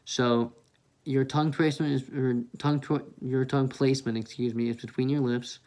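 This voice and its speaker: A man's voice: mid-range voice, fairly even intonation, normal speed, a little mellow. A man on a headset mic giving a casual beatboxing tutorial, explaining step by step and demonstrating the sounds. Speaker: beatbox teacher.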